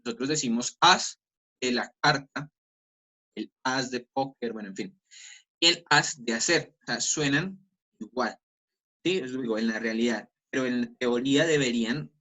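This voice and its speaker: A male teacher with a Colombian Spanish accent, giving an online class lecture over a video call, stopping to spell out examples slowly. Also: medium pitch, pushed and bright, low-quality recording. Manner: explanatory, slows down to spell out examples.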